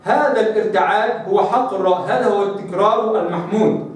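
A man teaches pronunciation in a fairly high voice, pausing to demonstrate each sound himself. He urges the listener to copy him. His voice rings in a very echoey room, picked up from some distance away. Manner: demonstrates sounds, repeats rolled r aloud; addresses listener as brother, asks them to try. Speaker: Quran recitation teacher. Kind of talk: explanatory lesson on pronunciation.

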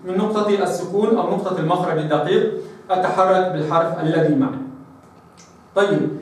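A man teaching Quran recitation rules, explaining each point and then slowly demonstrating the sounds. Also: a little high. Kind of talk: tajweed lesson with recited examples. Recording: very echoey room, distant from mic.

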